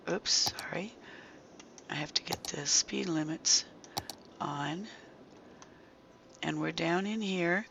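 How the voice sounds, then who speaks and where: A gamer with a very gravelly, croaky voice talks through gameplay casually and haltingly. The hoarse throat makes the sound strained and sharp-edged, at times breaking toward a whisper. The recording is slightly dull. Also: mid-range voice, a little hiss or hum. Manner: halting, thinking aloud while working. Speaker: gaming video creator. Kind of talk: casual gameplay walkthrough commentary.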